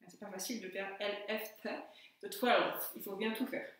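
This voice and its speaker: French teacher in an echoey room. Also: female voice, mid-range voice, level tone, recorded from a distance. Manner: patient, spells out letters and repeats words slowly. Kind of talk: classroom lesson explanation.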